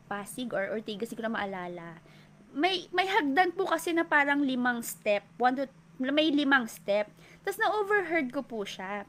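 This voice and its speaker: A woman's voice: high voice, fairly bright tone. A Filipino-accented woman fitness trainer giving a polite talk to an audience, often asking rhetorical questions. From Philippines.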